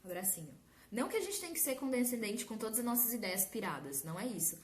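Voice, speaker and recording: A young adult woman from Brazil giving a casual, animated talk to an audience, often acting out her own inner critic. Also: on the high side, fast. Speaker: course host.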